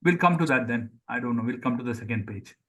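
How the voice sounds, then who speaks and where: In a live online group class, a Hindi teacher of probably middle age calls on pupils by name, questions them, repeats words and explains. Sindhi is his mother tongue and he has an Indian accent; his medium-pitched voice is expressive, quick, pushed and bright.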